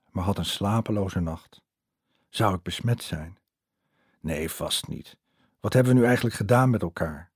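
A man with a husky, somewhat low voice narrates a first-person memoir. His delivery is reflective and earnest. The recording is dry and close, with no room sound. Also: darkish tone, dry recording.

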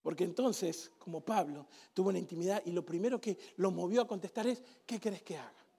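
A man preaching a sermon, animated and sarcastic, leading the congregation in call-and-response. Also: high voice, fairly quick, gravelly, slightly rough. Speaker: pastor.

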